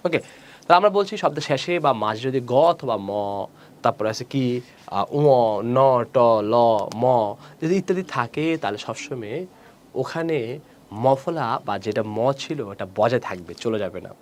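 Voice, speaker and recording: A man's voice: mid-range voice, animated, moderate pace, pauses often, slight background noise. A young man teaching a grammar lesson online, asking questions and answering them himself while repeating each rule.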